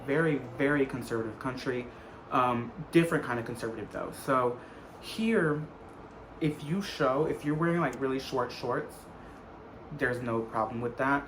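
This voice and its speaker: An American man in his twenties answers questions as a vlogger in a casual Q&A to camera, rambling a little and often repeating phrases for emphasis. His voice is medium-pitched at a moderate pace. The background is noisy, with music playing.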